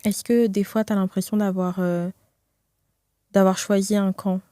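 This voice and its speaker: Woman host, casual and probing, mellow tone, dry close recording. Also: medium pitch, level tone, a little slow, clear, resonant tone, no room sound. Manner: gentle, probing questions with fillers. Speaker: interviewer. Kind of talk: casual podcast conversation.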